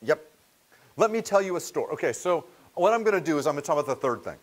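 Animated middle-aged man lecturing a room. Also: a little high, fast. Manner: conversational, animated, restarts mid-word. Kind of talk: storytelling seminar lecture. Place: meeting room with audience.

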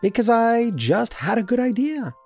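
An eager little girl rabbit from a storybook, squeaky-high and full of bounce, as a man puts her on. The voice swoops up and down with urgency and carries a gravelly edge. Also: very animated, normal speed, a little mellow, soft background music, exaggerated voice. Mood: secretive. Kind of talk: storybook reading.

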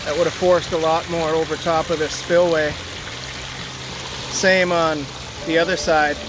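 A man's voice: a little high, little pitch movement, measured pace, background noise. A man giving a plain, practical walkthrough outdoors by a backyard stream, thinking aloud while filming on a handheld phone. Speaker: water feature installer. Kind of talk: walkthrough narration while inspecting. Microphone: handheld phone camera.

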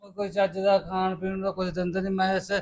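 Drunk punjabi dad, defensive and sulky, fairly high voice played by a man. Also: little pitch movement, fairly quick, a little mellow, natural voice. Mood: grumbling. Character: drunken stubborn middle-aged husband and father. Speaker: drunk father. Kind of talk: Punjabi short film acting.

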